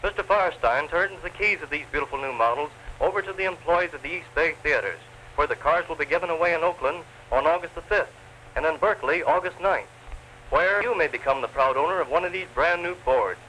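A man narrates a 1930s newsreel advertisement like a declamatory salesman, his slightly high voice pushed, bright, and a little fast. The noisy 1930s film soundtrack comes through.

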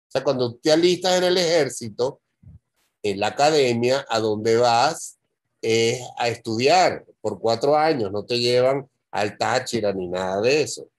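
A man's voice: mid-range voice, dry recording. A man teaching screenwriting, thinking aloud as he reviews and corrects a student's script.

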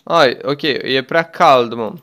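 A man's voice: medium pitch, sharp tone. A young man chatting his way through a game as a gaming YouTuber, exclaiming often and talking to the game and a friend. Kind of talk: let's play commentary.

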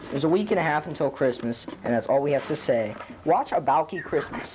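A man's voice: on the high side, expressive, a little fast, highs cut off, background noise. A man narrating a family Christmas home video in a playful, joking way, heard on an old VHS tape. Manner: playful, joking asides to camera operator. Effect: old VHS home video tape sound. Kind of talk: casual home video commentary. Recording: echoey room, music behind.

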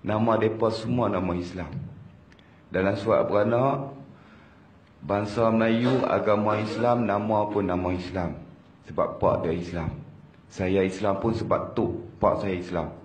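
A man in his thirties with a Malaysian Malay accent, giving an emotional religious testimony, repeating words and swinging between loud and hushed. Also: on the low side, fairly even intonation, a little slow, slight background noise. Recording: roomy hall with faint ambience.

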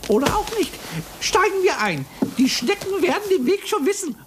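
A woman playing a jittery little male hare from a puppet show, his squeaky voice leaping up and down in a shrill register. He wails and begs, always sure that danger is close. The clean hiss of an old studio recording sits behind him. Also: very animated, moderate pace. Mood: reluctant. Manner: panicky, wailing pleas. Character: timid cowardly male hare. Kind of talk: puppet play voice acting.

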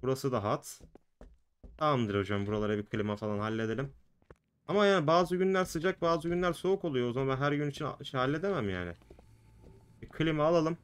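A man's voice: medium pitch, fairly quick, clear, resonant tone. A man with a mid-range voice gives chatty let's play commentary. He jokes and banters with the characters on screen and with his viewers as he plays. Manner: chatty, jokey, talks to the game's characters and the viewers. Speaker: gaming video host.

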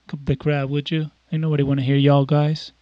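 List: man playing a low gruff cartoon tough guy, brusque, blunt, dull lo-fi sound. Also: flat delivery, fairly quick, no room sound, lightly acted. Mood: impatient.

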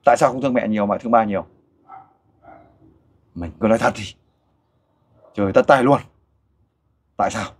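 A middle-aged man hosting a casual interview, coaxing and animated as he questions a child and a father. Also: lowish voice, normal speed, long pauses, slightly rough. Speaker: host interviewer for a volunteer group.

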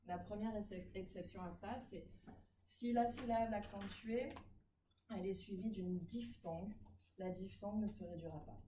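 A woman's voice: medium pitch, normal speed, warm tone. A woman teaching phonetics in a classroom, explaining rules patiently and often checking that students follow. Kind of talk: classroom lecture. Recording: echoey room, far from mic, background noise.

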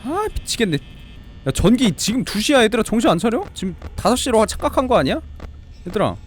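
A man giving lively horror game commentary, excitable and quick to yelp and plead when under pressure. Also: high voice, slight background noise. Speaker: game streamer.

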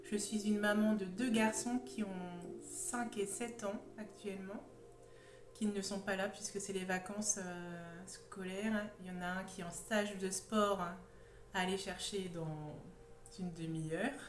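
A woman's voice: mid-range voice, fairly even intonation, a little slow, slight background noise. A woman in her thirties with a sore throat chats casually and hesitantly as she hosts a homemade hobby vlog. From Champagne, France. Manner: talkative, hesitant, wandering. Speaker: hobby video host, first-time vlogger. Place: room at home with stone walls. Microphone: phone at arm's length or slightly further. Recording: roomy, echoing phone recording with faint music.

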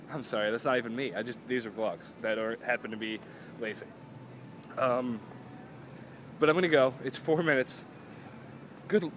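A man's voice: medium pitch, slight background noise. A young man in a casual, rambling vlog, filmed outdoors in a parking lot. He is chatty and self-mocking, and often trails off and restarts. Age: young adult. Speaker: vlogger. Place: outdoors in a parking lot beside parked cars.

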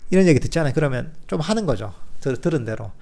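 A man, a Buddhist monk giving a dharma talk. He talks plainly, asks rhetorical questions, and turns gentle and soothing at times. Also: fairly high pitch, animated, quick pace, gravelly. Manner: gentle, soothing when voicing self-compassion.

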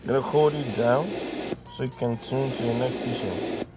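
A young man with a medium-pitched voice narrates a project demonstration for his electronics channel at normal speed. The recording is low quality, with music and a radio playing behind his voice.

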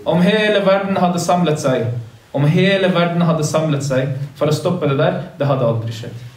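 A man teaching a religious lesson to boys in a mosque, earnest and preachy, repeating points for emphasis. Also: a little high. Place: large carpeted mosque room. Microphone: phone livestream from across the room. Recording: echoey room, speaker far from phone.

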